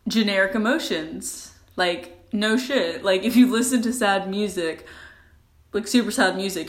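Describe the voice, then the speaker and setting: A young adult woman chats casually into her solo podcast from a bathroom. Her delivery is informal and rambling, at a middle pitch, with "like" sprinkled throughout. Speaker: podcast host.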